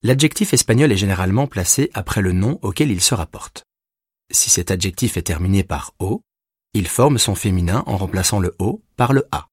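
A man narrating a recorded language lesson, explaining grammar rules with slow, deliberate pauses between words. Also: low voice, lively intonation, husky, no room sound, clean studio sound. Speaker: language teacher.

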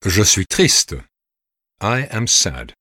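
A man with a low, slightly husky voice reads drill sentences very slowly. His intonation moves lively between words. The recording is dry. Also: no room sound. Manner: slow, clearly spaced model sentences. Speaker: reader of example sentences. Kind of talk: scripted language drill.

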